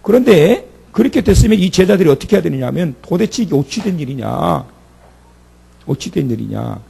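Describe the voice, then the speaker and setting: A man's voice: on the high side, very animated, a little fast, warm tone. A man preaching a sermon, retelling the story dramatically and acting out the speakers in it. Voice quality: gravelly. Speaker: pastor.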